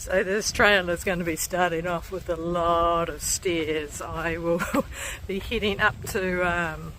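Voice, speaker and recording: The recording is rough, with slight background noise, capturing a woman's fairly low-pitched, slightly bright voice. She's a hiking vlogger in her forties with a New Zealand accent, chatting casually on a coastal trail, laughing often, and breathy as she climbs stairs.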